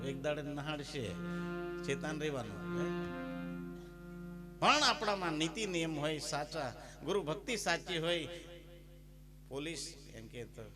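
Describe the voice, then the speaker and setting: A man with a Gujarati accent giving a devotional talk in a folksy, humorous storytelling manner, breaking into sung verses. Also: mid-range voice. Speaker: bhajan singer and spiritual storyteller. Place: devotional gathering with live music. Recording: music playing behind. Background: instrumental music.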